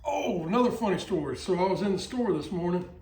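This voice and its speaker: A man's voice: sits high, expressive, fast talker, creaky, distant mic, heavy background noise. A man from Texas with a Texan accent, chatting casually while he cooks in his kitchen, folksy and full of asides. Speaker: cooking vlogger. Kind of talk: casual cooking chat. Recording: echoey, from off-mic, frying in background.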